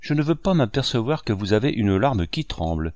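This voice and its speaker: A man reading an audiobook, voicing a kindly, good-humored painter and uncle who speaks warmly and teases gently. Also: mid-range voice, very animated, a little fast, dry recording, lightly acted. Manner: warm, gently teasing.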